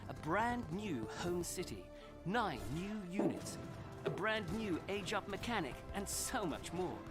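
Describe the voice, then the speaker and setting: A man announces a game update in a bright, scripted promotional read. His pitch sits a little high and swings widely as he sells each feature. Music plays clearly behind him. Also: big pitch swings, unhurried. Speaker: trailer announcer.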